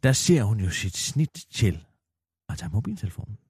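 A man playing a gossipy middle-aged woman in a radio comedy sketch, spilling a scandal in breathless bursts and sudden hushed asides. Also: on the low side, big pitch swings, husky, no room sound, clean studio sound, exaggerated voice. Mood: gossiping. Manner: breathless gossiping, dropping to a hush.

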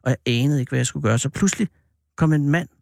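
A man's voice: on the high side, creaky, no room sound. Man telling a story in a dry voice. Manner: animated, drawn-out delivery that turns hesitant with many fillers. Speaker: radio host. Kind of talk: personal storytelling monologue.

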